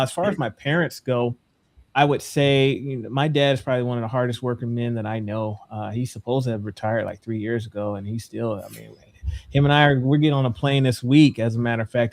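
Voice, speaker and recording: A man in his forties, a guest educator, answering a panel question in a reflective, measured way. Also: medium pitch, dry recording.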